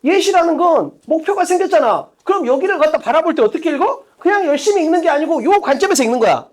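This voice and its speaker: A woman teaching an English exam lesson at a whiteboard, talking bluntly and colloquially, quizzing her students with rapid rhetorical questions and repeating key points. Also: extremely high pitch, expressive. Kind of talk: lecture at a whiteboard.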